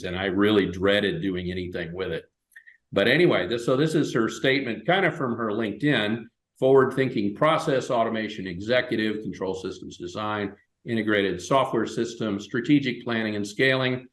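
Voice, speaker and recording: Male webinar host, lowish voice, loose and chatty delivery, recorded in a roomy echo. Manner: relaxed, loose, with frequent fillers and restarts. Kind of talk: casual presentation over slides. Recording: echoey room.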